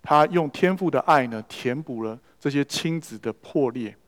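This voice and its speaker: This preacher's voice sits fairly high and is expressive, at a normal speed. He tells stories during his sermon, mixes in English words, and the large church hall adds a long reverb.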